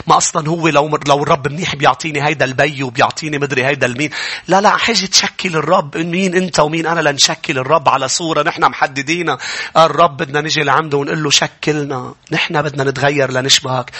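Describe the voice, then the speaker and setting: A man with a Lebanese accent preaching a sermon, swinging from quiet, close speech to loud, impassioned peaks. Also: fairly high pitch, breathy edge. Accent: Lebanese Arabic. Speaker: pastor.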